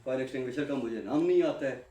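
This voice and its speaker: A man's voice: mid-range voice, dark tone. A man giving an impassioned classroom talk to trainees, asking rhetorical questions and answering them himself with lots of repetition. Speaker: guest speaker addressing trainees. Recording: echoey room, mic far off.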